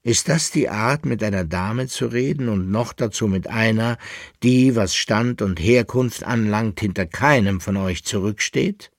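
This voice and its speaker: A man's voice: on the low side, measured pace, no echo, clean studio sound. A man voicing a teasing masked noblewoman. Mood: indignant. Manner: teasing, playful and sharp.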